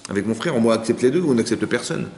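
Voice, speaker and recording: Rabbi teaching in an echoing hall. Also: male voice, medium pitch, lively intonation, fast talker, creaky, a little mellow. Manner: translates verses line by line, asks the audience rhetorical questions. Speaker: rabbi teaching a Torah class. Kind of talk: lecture on scripture. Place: community centre hall. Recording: echoey hall with long reverb.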